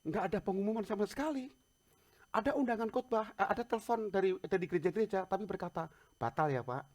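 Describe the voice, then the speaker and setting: A man preaching a sermon as pastor, telling humorous personal stories in an animated way. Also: high voice, fast talker.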